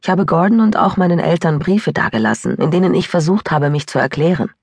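A woman's voice: lowish voice, expressive, brisk, a little mellow, husky, no echo. Audiobook character: woman reading a young woman confessing her past, rueful, close and dry. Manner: rueful, sighing confessional telling. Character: troubled young woman recalling a broken engagement.

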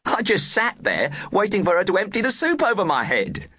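A cheerful young schoolboy chirps his lines in a storybook, as a man reads him in a raised voice. The voice is high and a little husky, recorded dry and close. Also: wildly swooping pitch, moderate pace, sharp tone, no room sound, heavily acted. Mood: protesting.

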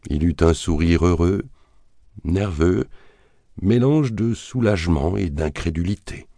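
A man narrating a thriller audiobook in a measured, dramatic reading that colors the quoted lines. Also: sits low, mellow, no room sound, clean studio sound. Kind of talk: scripted narration of a thriller novel.

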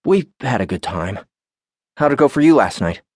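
A man's voice: medium pitch, very animated, moderate pace, a little mellow, slightly rough, no room sound, pitched above the performer's own voice. A male narrator voicing a tired young male reporter with a wry, dry humor.

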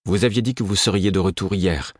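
A man's voice: deep voice, a little fast, dry recording, clean studio sound. A man narrator voicing an angry, protective young mother who speaks curtly and reproachfully. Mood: sharp, reproachful. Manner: curt, sharp, reproachful.

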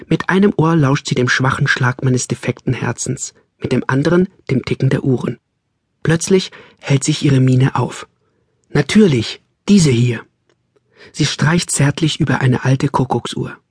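A male audiobook narrator with a husky, mid-range voice reads scripted narration. The sound is clean studio audio with no room sound.

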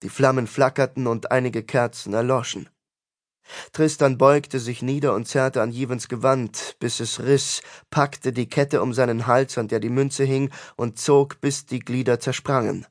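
A man narrating a fantasy audiobook in a measured, dramatic storytelling manner. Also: medium pitch, steady tone.

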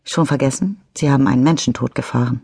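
A woman reading a calm, persistent female police detective who questions a witness firmly. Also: extremely low pitch, quick pace, slightly rough, no room sound, clean studio sound, exaggerated voice. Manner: firm, probing questions. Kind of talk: audiobook character reading.

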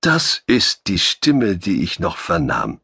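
A man's voice: deep voice, huge pitch swings, takes it slowly, creaky, sharp tone, breathy edge, no room sound, studio quality, heavily acted. A man doing a wisecracking lanky spacer. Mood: wry joking. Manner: ironic, mock-solemn quips. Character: lanky young male spacer, wisecracking and theatrical.

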